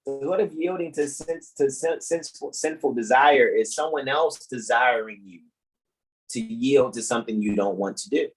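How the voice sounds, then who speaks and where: A man hosting a casual talk, reading out definitions emphatically and pausing to check that listeners follow. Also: mid-range voice, breathy edge, soft background music, rough recording. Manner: emphatic, says quote and end quote, checks with "right?". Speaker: host.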